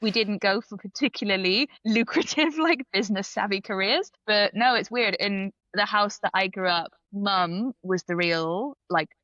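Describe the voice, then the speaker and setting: A woman's voice: medium pitch, moderate pace, few pauses, a bit bright, dry recording, dull audio. A woman from Belgium with British parents, a guest chatting on a podcast, laughing between thoughts and hedging often. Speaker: guest, writer and comedian. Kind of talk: casual podcast chat.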